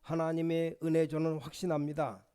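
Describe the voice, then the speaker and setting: Middle-aged male pastor, emphatic sermon delivery that swells toward shouts, light voice. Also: on the high side, little pitch movement, moderate pace, clear, resonant tone. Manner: emphatic preaching, voice rising to near-shouts on quotes.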